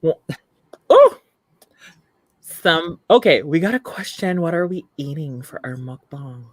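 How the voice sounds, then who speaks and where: Brief: young drag queen host, lively swooping delivery, unhurried, chatty and gushing, dry close sound. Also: on the high side, no echo. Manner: chatty, gushing, laughs often. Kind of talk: casual chat on a live show.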